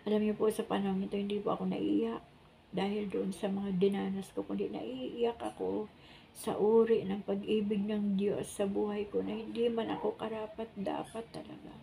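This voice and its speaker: A woman in her sixties giving a heartfelt faith testimony to her viewers, speaking earnestly and politely with frequent pauses and fillers. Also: medium pitch, little pitch movement, creaky, dark tone, a little hiss or hum, rough recording. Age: 60s. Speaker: vlogger sharing testimony.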